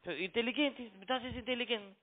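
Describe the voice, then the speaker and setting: This young adult scam caller has a very high voice and a brisk delivery. Speaking broken, non-native German with a foreign accent, he keeps pressing the same points in an argumentative call, and the phone line sounds thin and narrow-band.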